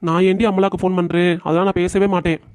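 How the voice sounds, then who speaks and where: A man voicing a stern, scolding family father in a cartoon comedy, talking in quick bursts. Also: sits high, flat delivery, a little mellow, clear, resonant tone, no echo, lightly acted.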